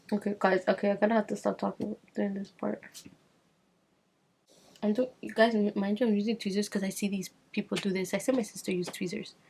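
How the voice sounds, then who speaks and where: A young woman vlogger chatting casually through a personal story while doing her makeup, full of fillers and asides, dropping quieter as she concentrates. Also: mid-range voice, gravelly, a little hiss or hum. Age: young adult. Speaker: beauty vlogger.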